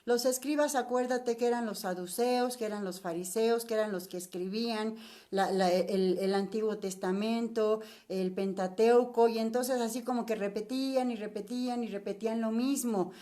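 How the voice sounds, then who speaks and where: High-voiced older Mexican woman teaching Bible. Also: fairly even intonation, moderate pace, mellow. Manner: chatty, addresses listener with rhetorical questions. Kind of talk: Bible study lesson.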